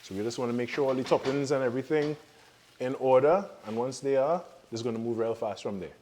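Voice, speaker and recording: A man's voice: medium pitch, fast, warm tone. A man in his thirties with a Trinidadian accent, giving an easygoing, instructive cooking demonstration in a casual chatty way. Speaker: cooking show co-host. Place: home kitchen, indoors. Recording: background noise with kitchen clatter.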